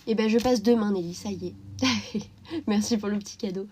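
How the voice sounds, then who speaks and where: A woman's voice: mid-range voice, fairly quick, mellow, a little hiss or hum. Stuffy-nosed woman chatting on a live stream. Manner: chatty, greets and thanks viewers by name. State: stuffy nose, sniffling from a cold. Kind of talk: casual live-stream chat with viewers. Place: at home while colouring.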